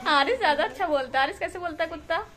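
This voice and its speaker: A woman's voice: very high-pitched, animated, racing, heavy background noise. A woman tutoring small children at home, coaxing them with playful questions. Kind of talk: teaching young children at home.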